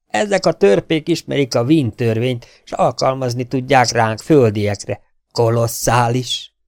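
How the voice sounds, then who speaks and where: Man narrating an audiobook, low voice, dry close recording, bursts of emphasis on the dialogue. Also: no room sound. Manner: voices each character's quoted lines with lively, rising emphasis. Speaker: audiobook reader. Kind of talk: audiobook narration of a science fiction novel.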